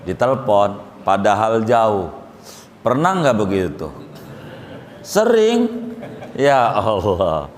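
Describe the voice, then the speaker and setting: A man preaching a sermon in a casual, joking way, his voice leaping up high for emphasis. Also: slight background noise. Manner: colloquial joking preacher, pitch jumps up for emphasis. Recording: long hall reverb.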